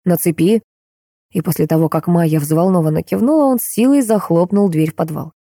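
Woman audiobook narrator, low and warm, measured delivery, dry close recording. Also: no echo. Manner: measured, steady storytelling. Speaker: audiobook reader. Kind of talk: scripted narration.

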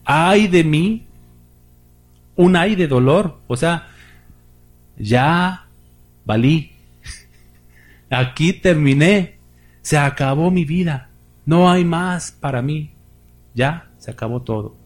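Male pastor, fairly high voice, emphatic sermon delivery with scripture readings. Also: unhurried. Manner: emphatic preaching, rising for scripture, addresses congregation as brothers.

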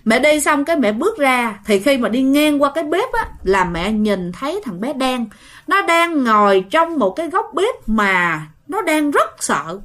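A woman tells a ghost story as if chatting with friends, speaking to her listeners directly. Her voice sits high and swings widely up and down as she narrates. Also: very animated, a little slow, fairly bright tone. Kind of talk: casual ghost story telling.

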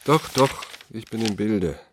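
A man's voice: on the low side, lively intonation, measured pace, a little hiss or hum. A man voicing an amused, condescending middle-aged male newspaper editor who talks with smug, mocking ease, in an audiobook.

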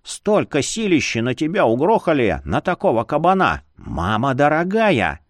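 A man voicing a gruff companion who grumbles slowly. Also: on the high side, huge pitch swings, dry recording, studio quality. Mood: grumbling.

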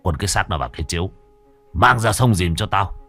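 A man's voice: low-pitched, expressive, quick pace, sharp tone, faint music behind, exaggerated voice. A man voicing a harsh, domineering old village patriarch who issues threats in a ghost story. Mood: menacing. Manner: gruff, threatening commands.

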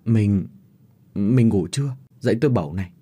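A man voicing a sharp-tongued, loving old mother who scolds her family. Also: lowish voice, expressive, moderate pace, husky. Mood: gentle.

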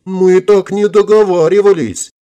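A man's voice: on the high side, expressive, normal speed, darkish tone, pitched above the performer's own voice, close to an everyday voice. Man putting on a simpering girly woman. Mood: mock fear. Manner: simpering, mock-scared. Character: playful young woman feigning girlish fright.

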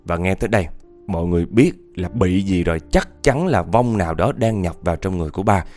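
A man tells a ghost story, chatting directly with his listeners. His voice sits on the low side and stays conversational. Faint music plays beneath him. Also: expressive, fast talker, a little mellow.

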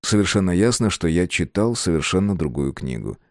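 A man's voice: sits low, sing-song, a little fast, a little mellow, dry recording, clean studio sound. A male audiobook reader voicing a polite, slightly baffled man at a book club who speaks with wry courtesy.

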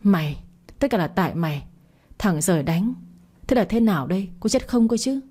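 A woman's voice: medium pitch, lively intonation, normal speed, warm tone, close to an everyday voice. A woman reading as a stern, scolding older father. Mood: furious. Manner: harsh, scolding.

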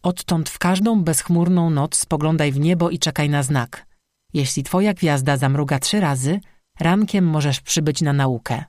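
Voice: mid-range voice, normal speed, darkish tone, no room sound, studio quality, lightly acted. An audiobook narrator voicing a fierce, commanding star-woman who is a master smith, speaking firmly with a warning tone. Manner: firm, warning tone. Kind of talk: audiobook reading.

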